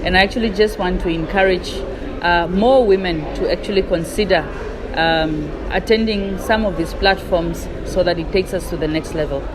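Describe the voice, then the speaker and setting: A woman's voice: lowish voice, normal speed. A woman from Namibia, giving an earnest, formal testimonial at a conference. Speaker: foundation founder, summit attendee. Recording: busy crowd noise behind.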